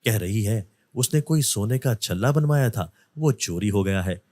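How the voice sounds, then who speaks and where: A man's voice: lowish voice, animated, normal speed, dark tone. A man voicing an indifferent, lazy beggar husband who grumbles and brushes things off. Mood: grumbling. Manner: grumbling, dismissive.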